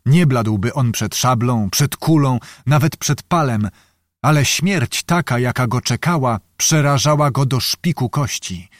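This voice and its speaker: A man reading a historical novel aloud as an audiobook narrator, in a measured, dramatic storytelling manner. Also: mid-range voice, no room sound, clean studio sound.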